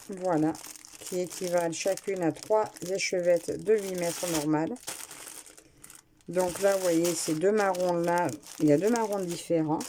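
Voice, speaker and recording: A woman's voice: mid-range voice, dark tone, a little hiss or hum. A woman chatting casually while unboxing a craft kit at home, talking with hesitations and restarts into a nearby camera mic. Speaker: craft vlogger. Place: at home, indoors.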